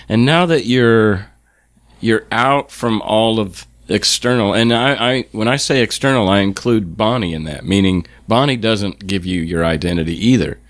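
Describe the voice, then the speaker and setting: Middle-aged male host, low-pitched, dry mic, loose and rambling in conversation. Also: no echo. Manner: rambling, restarts sentences. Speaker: podcast host. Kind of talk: casual interview chat.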